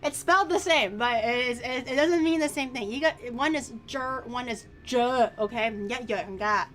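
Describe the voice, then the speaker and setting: A Mandarin-speaking woman streams herself cooking, chatting and giggling playfully in a casual livestream. Her voice is high and fairly bright, moving at a moderate pace, with background music playing.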